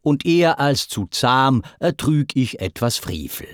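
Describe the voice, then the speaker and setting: A man voicing a proud, hot-tempered male sea god, declaiming loudly in raised pitch in a dramatic verse reading. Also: sing-song, measured pace, no room sound, studio quality. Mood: boastful.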